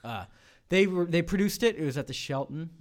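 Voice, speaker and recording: A man's voice: on the high side, animated, fairly quick. A man being interviewed about his improv and sketch work, talking loosely with many fillers and restarts. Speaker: improv and sketch performer, guest. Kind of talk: casual interview chat. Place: studio. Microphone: studio microphone.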